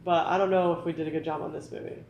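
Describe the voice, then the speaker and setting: A man's voice: a little high, level tone, racing, gravelly, a little mellow, highs cut off. A tipsy man co-hosting a casual movie review with short, offhand remarks. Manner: tipsy, offhand, brief interjections. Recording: roomy echo with background noise.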